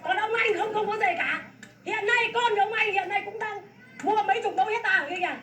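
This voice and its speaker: In a brisk, very high voice that sounds pushed and bright, a woman from Vietnam scolds fiercely and repeatedly, a farmer publicly protesting land seizure. There's a little hiss or hum, and the distant mic makes it echoey.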